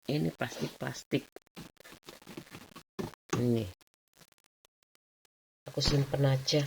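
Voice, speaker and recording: A middle-aged woman, chatting casually at home in a rambling vlog. She laughs often and raises her pitch when she acts out what others said. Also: steady tone, takes it slowly, gravelly, noisy background. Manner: acts out quoted voices at a higher pitch. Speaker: vlogger.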